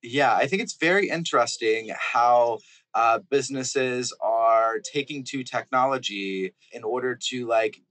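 A man in his thirties hosts a video podcast from an outdoor backyard garden, earnestly thanking his guest. His medium-pitched voice is fairly bright and a little slow, captured in a dry, rough recording.

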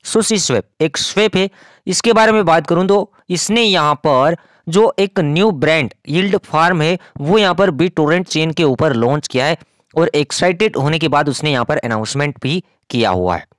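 A man's voice: fairly high pitch, lively intonation, moderate pace, dry recording, studio quality. A man hosting his own channel, giving casual, chatty market commentary and speaking straight to his viewers. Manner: chatty, explanatory, addresses viewers directly. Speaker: crypto channel host.

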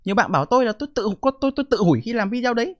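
A middle-aged man rants on his live stream, blunt and profane. He talks fast with a swooping, lively pitch. The sound is close and dry. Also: dry recording. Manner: blunt, profane, defensive ranting. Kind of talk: live stream reaction commentary.

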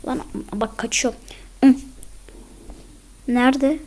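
A hoarse woman chatting through a mobile game match, bursting into excited yelling at tense moments. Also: high-pitched, takes it slowly. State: hoarse from illness. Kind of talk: casual gameplay commentary.

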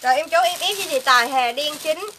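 Woman, high sharp voice, live-stream sales assistant, brisk order call-outs, faint noise behind.

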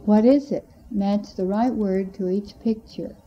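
A woman teacher giving clear, measured explanations of vowel sounds in a language lesson. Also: medium pitch. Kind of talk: instructional narration. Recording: dull lo-fi recording with faint noise.

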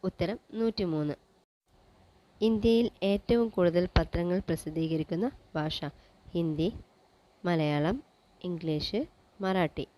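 A woman presenting a general-knowledge quiz, reading each question and its options in a measured, list-like way. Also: lowish voice, mellow, poor audio.

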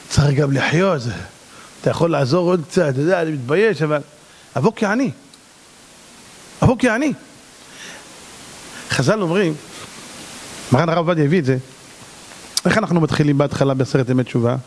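A rabbi delivers a sermon in a voice pitched high for a man. He swings between loud outbursts and quiet pleading. The sound rings with the long reverb of a large hall. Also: pauses often, slight background noise. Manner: animated, swings between shouting and hushed pleading.

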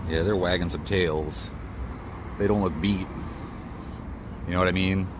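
A man with a low voice talks in a relaxed, rambling way while filming on a sidewalk with his phone. Traffic and street noise are clearly heard behind him. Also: measured pace. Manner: laid-back, rambling commentary. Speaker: street videographer. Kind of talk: casual narration to camera. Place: city sidewalk outdoors. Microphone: handheld phone camera.

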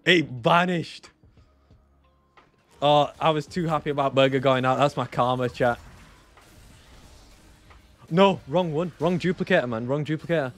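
A young man streaming a strategy game, chatting to his viewers, excitable, repeating himself and bursting into shouts and laughter. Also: on the high side, unhurried, pauses often, soft background music. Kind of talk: live gameplay commentary to chat.

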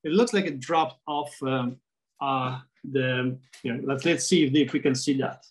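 The recording is low quality: a middle-aged man from Poland, with a Polish accent, medium pitch and normal speed. As an architect and sketcher guesting on a video call interview, he restarts a lot and leans on fillers. A laptop webcam captures him in a small home room with framed pictures on the wall.

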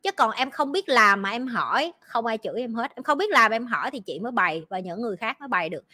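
A woman hosting a livestream chats with her team bluntly and teasingly, talking fast in bursts. Her fairly high voice is bright and forceful, with lively intonation.

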